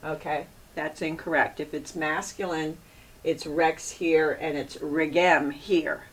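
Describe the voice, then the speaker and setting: Slow, patient woman teaching Latin. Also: sits low, steady tone. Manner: patient, repeats and drills endings aloud. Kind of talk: classroom lecture at a board. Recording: distant mic with faint room noise.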